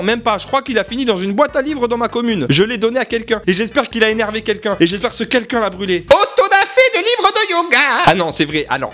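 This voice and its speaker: A man performing a comic monologue sketch for video, telling stories in an animated, self-mocking way with sudden bursts of mock anger. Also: high-pitched. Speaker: comedian.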